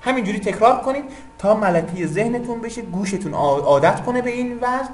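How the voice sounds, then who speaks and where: A man's voice: high voice, expressive, poor audio. A man giving an informal lesson on poetic meter, explaining patiently and chanting the metrical feet in rhythm. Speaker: teacher of Persian poetic meter.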